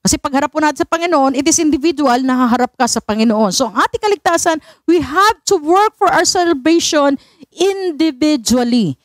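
Filipino woman pastor, high and lively voice, dry close sound, sermon mixing Tagalog and English. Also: brisk, no room sound. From Philippines. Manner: animated preaching, mixes Tagalog and English, asks the congregation for affirmation.

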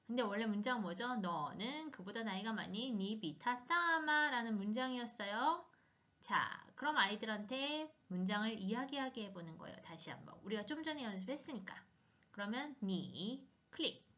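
A woman's voice: mid-range voice, a bit bright, muffled recording. A woman who teaches Chinese, walking other teachers through a lesson demo and drawing out each syllable as she shows the drills. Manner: demonstrating puzzle drills, drawn-out syllables.

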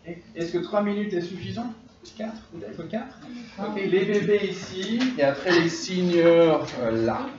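A man's voice: high-pitched, measured pace. A man teaching a French class, repeating phrases and drilling his students. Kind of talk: classroom instruction. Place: classroom, large indoor room. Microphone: far camera. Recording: roomy, distant, dull camera audio with room noise.

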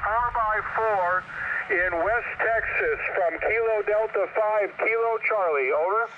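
A man's voice: sits high, a little slow, recorded from a distance. A man on a ham radio call heard through a radio receiver, reading signal reports in radio procedure. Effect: heard over a ham radio receiver. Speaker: distant ham radio operator. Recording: muffled radio speaker heard from afar in noise.

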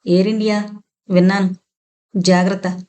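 A woman voicing a male caller who speaks in a hushed, secretive way to deliver a warning. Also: mid-range voice, flat delivery, moderate pace, natural voice.

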